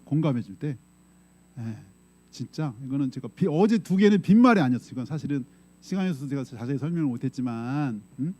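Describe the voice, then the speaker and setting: A man's voice: mid-range voice, expressive, fast talker, dark tone. A middle-aged male pastor preaching a sermon in a conversational way. He often checks in with the congregation and acts out quoted voices. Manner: acts out quoted voices in short dramatic bursts. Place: church sanctuary.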